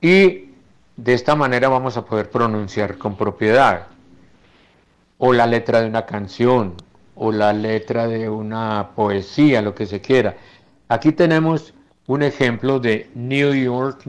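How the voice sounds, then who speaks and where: In a lecture on English phonetics, a man with a medium-pitched voice works through slides, slowly modelling English words aloud.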